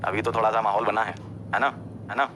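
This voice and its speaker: A male teacher casually tells his class a story, addressing them directly and checking in with them often. He talks a little fast and animatedly, jumping up in pitch when he insists, with slight background noise present.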